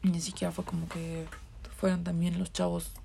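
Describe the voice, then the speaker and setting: A woman's voice: fairly low pitch, monotone, moderate pace, vocal fry, warm tone, slight background noise. A woman with a Mexican accent, a podcast guest telling a personal story in a candid, casual way, swearing freely. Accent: Mexican Spanish.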